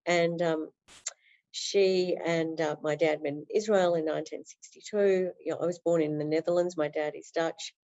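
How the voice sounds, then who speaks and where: A woman's voice: low-pitched, fairly even intonation, moderate pace, a little mellow, muffled recording. A woman talking earnestly as a podcast guest in a flowing interview, with many fillers. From Australia. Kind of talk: interview conversation.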